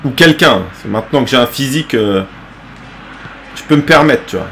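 A man's voice: mid-range voice, lively intonation, normal speed, sharp tone, slight background noise. A young French man streaming live gameplay, groaning, swearing and bantering with chat as he plays. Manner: exasperated, swearing, groaning at the game. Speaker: gaming streamer.

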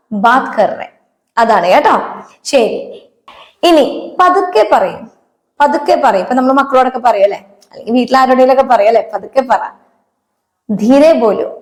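A woman with a high voice teaches a spoken language lesson, saying each phrase slowly and more than once. She keeps asking her listeners if they remember or understand. The room around her sounds echoey. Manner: patient, repeats each phrase slowly, asks quiz questions. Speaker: Hindi teacher.

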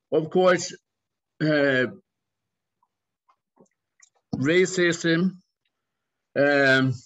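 A man in his sixties giving a measured academic talk over a video call from his home study. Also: mid-range voice, fairly bright tone. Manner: measured, slow lecturing with fillers. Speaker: academic presenter. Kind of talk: online conference talk. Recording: muffled video call audio.

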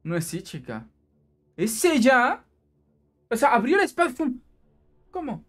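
Host femenina de reacciones a manga, voz algo aguda y expresiva, música suave de fondo. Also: female voice, on the high side, unhurried, husky, soft background music. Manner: excitable, laughs and exclaims, trails off searching for words. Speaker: manga reaction channel host. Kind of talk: casual manga reaction, reading dialogue aloud.

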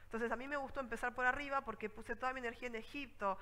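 Una mujer con acento rioplatense que da una charla de viajes y cuenta anécdotas con viveza, imitando a la gente de sus historias. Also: female voice, fairly high pitch, racing, long reverb tail, low-quality recording. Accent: Rioplatense Spanish. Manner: lively storytelling, acts out scenes. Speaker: travel speaker. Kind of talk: conference talk with anecdotes.

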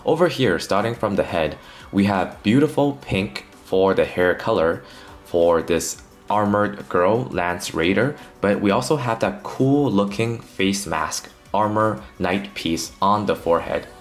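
A man with a low, deep voice hosts his own toy review as a voice-over. He talks through the unboxing in an earnest, scripted way with the odd light joke, and soft music plays faintly underneath. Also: expressive, unhurried.

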